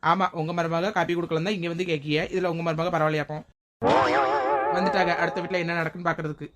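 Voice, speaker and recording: A woman's voice: on the low side, level tone, fast talker, faint music behind. A woman, playing a grumbling, sarcastic sister-in-law in a family comedy skit. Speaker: comedy sketch performer.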